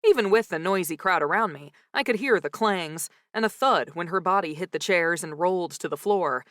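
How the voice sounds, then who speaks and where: A woman narrating a comic mystery audiobook in first person with lively, wry storytelling, close to the mic. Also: lowish voice, moderate pace, no room sound.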